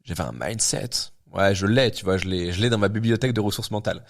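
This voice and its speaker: A man's voice: fairly low pitch, fast, gravelly. A man in his twenties, a guest in a casual podcast chat, speaking bluntly and thinking aloud with plenty of fillers and restarts. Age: 20s. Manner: blunt, talks things through with many fillers and restarts. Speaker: guest entrepreneur.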